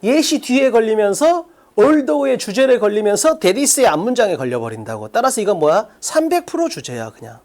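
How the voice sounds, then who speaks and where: A man teaching an English exam-prep lecture in Korean, emphatic and quick to drop into low asides. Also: big pitch swings, darkish tone.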